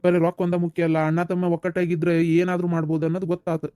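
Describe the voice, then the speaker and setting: A man's voice: sits high, monotone, very fast, dark tone, smooth, no room sound, clean studio sound, lightly acted. A man with a North Karnataka Kannada accent voicing a humble younger brother who talks in an earnest, apologetic, pleading way.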